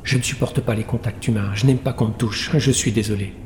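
A man's voice: fairly low pitch, steady tone, fairly quick, darkish tone, natural voice. A man reading the part of a wounded, exhausted young woman doctor who speaks in a weary, curt inner voice. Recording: roomy long reverb, faint noise.

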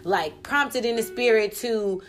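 A woman hosting a podcast interview, telling a story in a chatty, casual way with lively asides. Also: fairly high pitch, unhurried. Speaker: podcast host.

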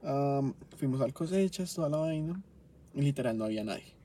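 A man's voice: fairly high pitch, lively intonation, warm tone, a little hiss or hum. Profane young Bogotá man ranting in a car. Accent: Colombian Spanish, Bogotá. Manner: profane, exasperated, quick to flare up. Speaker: podcast host. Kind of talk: casual storytelling rant. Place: inside a car.

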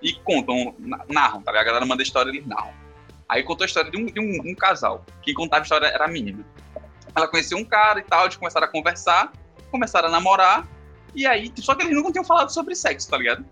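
High, bright-voiced man. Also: very fast, husky, soft background music. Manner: animated, slangy. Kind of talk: casual podcast storytelling.

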